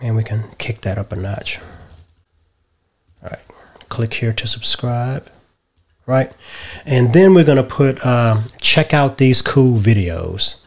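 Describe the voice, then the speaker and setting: A middle-aged man explaining a software tutorial step by step from a home office, often checking in with "right?". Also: medium pitch, slow, pauses often. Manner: relaxed step-by-step explaining, tags lines with "right?". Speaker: tutorial host. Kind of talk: screen-share software tutorial.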